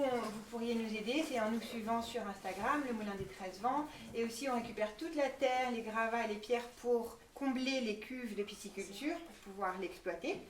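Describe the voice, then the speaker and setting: A woman giving an informal spoken presentation of a project and answering questions. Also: a little high. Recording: echoey room, distant mic, faint noise.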